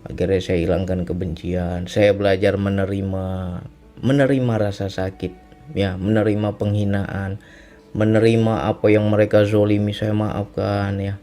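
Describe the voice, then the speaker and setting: Low, dark-voiced earnest man. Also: level tone, normal speed, faint music behind. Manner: earnest, repetitive, often adds tag questions. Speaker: speaker sharing a personal testimony. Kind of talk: reflective spiritual testimony.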